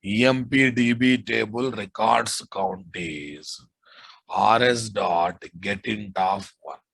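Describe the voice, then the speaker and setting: Husky Telugu-accented man teaching code. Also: fairly low pitch, slow, a bit bright, dry recording. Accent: Telugu Indian. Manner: repeats phrases, informal asides to students. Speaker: programming instructor. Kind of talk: live coding lesson, dictating code.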